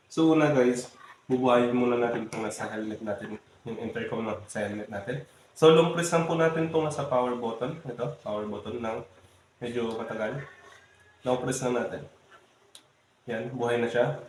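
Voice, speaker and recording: A man from the Philippines gives a casual step-by-step product tutorial, often addressing his viewers. His voice is medium-pitched and a little mellow. The room is very echoey, with faint background noise.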